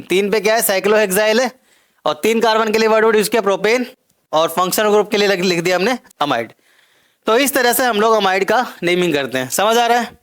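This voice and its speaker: A man's voice: high-pitched, a bit bright. A man teaching a chemistry lecture, explaining step by step, repeating key terms and quizzing his students. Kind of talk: recorded classroom lecture.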